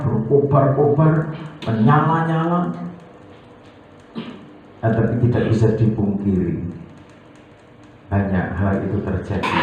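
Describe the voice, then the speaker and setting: A male pastor with a Javanese accent preaching a sermon, animated and teasing, quizzing the congregation and acting out little everyday scenes. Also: medium pitch, heavy reverb, highs cut off, slight background noise. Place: church hall.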